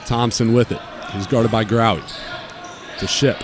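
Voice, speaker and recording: The play-by-play announcer for this basketball game speaks in a lowish, fairly even, unhurried voice from a school gym. Behind him the crowd is loud and a basketball can be heard bouncing on the court.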